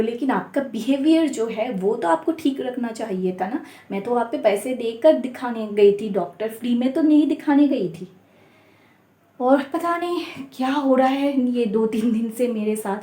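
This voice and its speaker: A woman's voice: fairly high pitch, warm tone, roomy sound. A young woman vlogging in a casual monologue, upset as she recounts a rude encounter and mixing English words into her Hindi.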